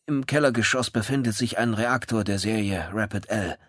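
A man's voice: lowish voice, normal speed, fairly bright tone, no echo, clean studio sound, pitched above the performer's own voice. A man voicing a worried, boastful company director of about sixty in a read-aloud story. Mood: proud. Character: anxious, proud sixty-year-old company director.

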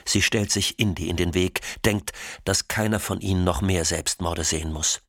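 A man narrating an audiobook in an expressive way, switching voices for the characters. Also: sits low, moderate pace, dry recording, studio quality.

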